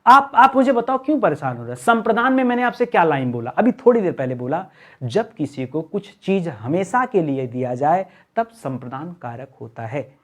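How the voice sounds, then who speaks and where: A man's voice: on the high side, sing-song, moderate pace. A man teaching a Hindi grammar lesson in a chatty, teasing way, asking questions and answering them himself. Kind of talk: online exam-prep lesson.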